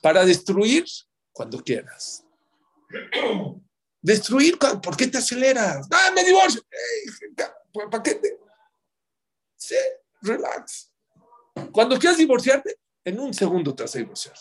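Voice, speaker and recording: Unhurried and husky, this marriage advisor lets his pitch swing widely and pauses often. He addresses his audience emphatically on religious lines, ticking off points and bursting into sudden high-pitched impressions when he quotes someone.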